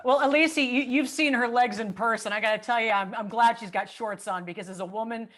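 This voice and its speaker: A woman's voice: a little high, a little fast, a bit bright. A woman hosting a press junket interview, upbeat and gushing, laughing often as she asks questions. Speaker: entertainment interviewer.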